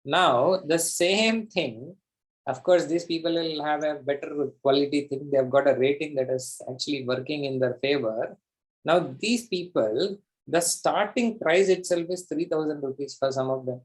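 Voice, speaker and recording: A man with an Indian accent and a fairly high voice coaches a live online class. He speaks emphatically and pushes his listeners, often repeating a phrase to drive it home. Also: normal speed, low-quality recording. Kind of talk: live interactive teaching, mixing English and Hindi.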